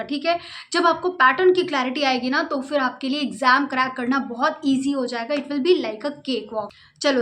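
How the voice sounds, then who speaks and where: A woman's voice: high voice, bright, forceful tone, slight background noise. A young woman giving exam study tips straight to students, coaching and firm, often checking in with "okay" and mixing English phrases into her talk. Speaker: study advice host.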